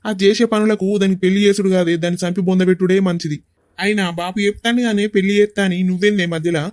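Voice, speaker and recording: A man's voice: sits high, fairly even intonation, very fast, no echo, studio quality, lightly acted. A man voicing a hot-tempered, bossy young village son in a cartoon, with a Telangana Telugu accent. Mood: angry. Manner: angry, bossy shouting. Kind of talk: cartoon voice acting.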